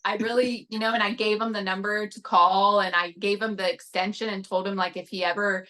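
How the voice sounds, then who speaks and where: A woman's voice: mid-range voice, flat delivery, fairly quick, pushed and bright. A woman telling a story in casual podcast chat, full of "like" and "you know". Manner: chatty, lots of "like" and "you know". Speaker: podcast guest.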